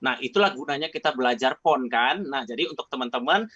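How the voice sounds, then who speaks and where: This guest expert talks fast in a mid-range voice with lively intonation, slightly bright and husky, explaining things casually and often tacking a loose tag onto his phrases. He's heard through a remote call mic over an online line that cuts out, in dull, dry call audio with no room sound.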